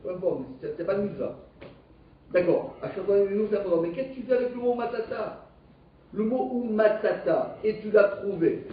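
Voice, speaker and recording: A man who teaches a live Talmud class, lively and questioning, explaining the text step by step. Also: sits high, brisk, a little hiss or hum. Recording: distant echoey dull live stream.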